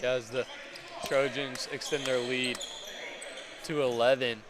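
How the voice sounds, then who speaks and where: A young man calling live high school basketball play-by-play, with quick calls that rise when big plays happen. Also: little pitch movement. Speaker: play-by-play commentator. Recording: noisy gym ambience. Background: gym crowd and bouncing basketballs.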